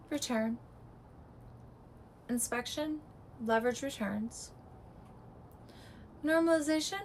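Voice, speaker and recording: In a scripted market breakdown on real estate, a woman speaks in short, clipped fragments at an unhurried, deliberate pace. Her fairly high voice is a little mellow but strained, as if giving out, and the low-quality recording carries faint background noise.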